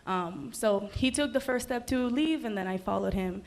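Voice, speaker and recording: A young adult woman speaks in a mid-range voice at a moderate pace. She's a Dominican singer appearing as a guest in a relaxed livestream interview, bubbly and saying um a lot.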